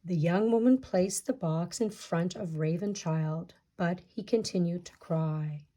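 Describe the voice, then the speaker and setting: A woman reads a children's folktale aloud as a storyteller. Her voice is fairly low and soft-edged in tone, and she takes her time over each phrase, with a measured delivery meant for listeners. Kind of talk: reading a picture-book folktale aloud.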